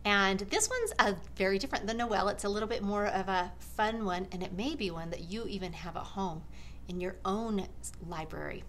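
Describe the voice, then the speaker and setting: A middle-aged American woman reads a children's storybook aloud with expression, chatting in asides to young listeners, in a large indoor living room. Her voice is medium-pitched, moderately paced and a bit bright, with clear background room noise.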